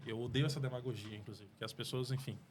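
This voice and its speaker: A man's voice: mid-range voice, fairly even intonation, fast. Man, Cearense accent, earnest rambling interview guest, faint background noise. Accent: Cearense Portuguese. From Fortaleza, Brazil. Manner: earnest, rambling with restarts and frequent "né?". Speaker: mayoral pre-candidate guest. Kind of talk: studio interview answers. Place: podcast studio.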